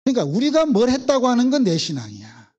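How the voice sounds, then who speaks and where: A man's voice: very high voice, wildly swooping pitch, fast, darkish tone, dull audio. A male pastor from the Jeolla region, preaching a sermon and acting out biblical voices with emphatic repetition. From Jeolla, South Korea.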